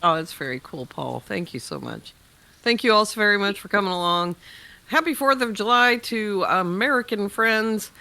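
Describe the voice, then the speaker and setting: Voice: medium pitch, sing-song, moderate pace, creaky, sharp tone. A co-player joking through a multiplayer game and thanking viewers at the end. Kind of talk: casual gaming chat.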